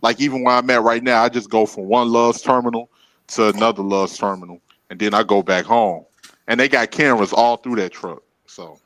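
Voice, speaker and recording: A man casually telling stories about his trucking work, animated and getting loud when he acts out confrontations. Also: fairly low pitch, a little fast, dry recording, poor audio. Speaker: podcast co-host. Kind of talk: casual storytelling.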